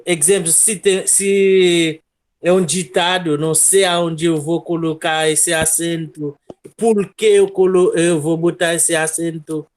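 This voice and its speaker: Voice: medium pitch, fairly even intonation, takes it slowly. A student who is not a native Portuguese speaker, hesitantly asking questions in class and searching for words.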